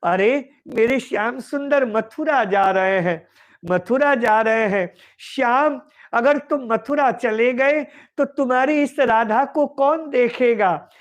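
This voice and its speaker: A man's voice: extremely high pitch, slow pace. A male preacher voicing a lovesick young divine woman who begs her beloved to stay, repeating her pleas tearfully. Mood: pleading. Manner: tearful, repeats pleading words over and over. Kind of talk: devotional storytelling.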